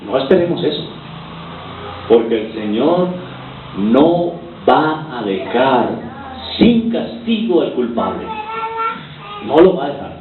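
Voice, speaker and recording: Animated male preacher on a tinny recording. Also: mid-range voice, takes it slowly, long pauses, crowd noise. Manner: animated storytelling, acting out scenes. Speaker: pastor. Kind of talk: sermon. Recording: roomy, distant, tinny lo-fi recording.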